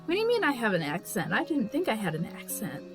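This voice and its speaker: Her pitch is fairly high and swoops wildly as she talks fast over music. This Californian woman is drawing on a live stream and chatting loosely with viewers, rambling and restarting, with "like" and "you know" cropping up constantly.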